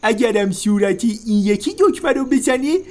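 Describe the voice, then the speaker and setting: A man's voice: high-pitched, a little mellow, pitched above the performer's own voice, lightly acted. A man voicing an eager pink demon from a magic lamp who talks about himself in the third person. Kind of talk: storybook narration.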